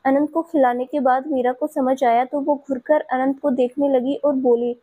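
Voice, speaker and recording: A woman storyteller giving scripted audio-story narration in a steady, even manner. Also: high voice, moderate pace, muffled recording.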